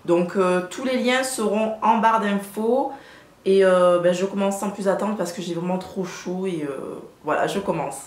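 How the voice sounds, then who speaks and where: A woman's voice: medium pitch, moderate pace. A woman vlogging casually to camera about clothes she ordered, chatty and full of hesitant fillers, hot and sweating. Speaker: fashion vlogger. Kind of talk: casual haul vlog to camera. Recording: roomy, faint background hum.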